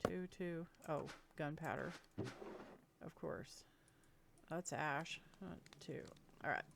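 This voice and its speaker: Heavy background noise surrounds this woman's low, gravelly, slow voice. She's a gaming video creator doing relaxed let's-play chatter for viewers, nasal and sniffly from a cold, giggling from time to time.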